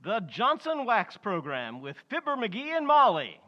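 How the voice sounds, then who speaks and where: A man's voice: sits high, wildly swooping pitch, a little slow, muffled recording, faint music behind, heavily acted. A man playing a hearty 1940s radio sponsor announcer, delivering an emphatic, salesmanlike read. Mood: upbeat.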